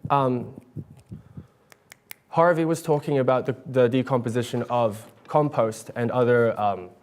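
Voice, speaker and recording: Young New man, earnest competition pitch, mid pitch, some fillers. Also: measured pace, a little hiss or hum. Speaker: student competitor pitching a project. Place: stage at an awards event.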